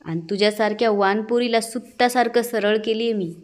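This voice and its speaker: A fiery retired schoolteacher with a Vidarbha Marathi accent scolds and threatens without holding back, as a woman reads her part. She sounds blunt, combative and loud, a neighborhood auntie who will not back down. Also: a little high, steady tone, fairly quick, natural voice. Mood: scolding. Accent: Vidarbha Marathi (Varhadi).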